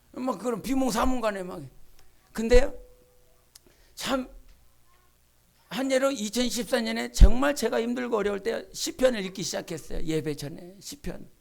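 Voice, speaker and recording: A woman pastor preaching a Sunday sermon in a church, swinging from hushed asides to fervent, shouted pleas. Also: on the high side, gravelly. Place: church sanctuary.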